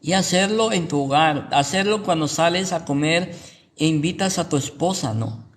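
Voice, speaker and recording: A pastor from Guatemala City speaks with a Guatemalan Spanish accent, his voice on the high side and his pace moderate. He gives informal Bible teaching, checking in with rhetorical questions, over slight background noise.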